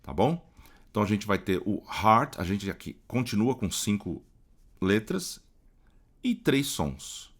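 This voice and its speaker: This English phonetics lesson, delivered in Portuguese, comes from a man with a lowish voice and big pitch swings. He explains patiently, says example words slowly and repeatedly, and often checks in with the listener.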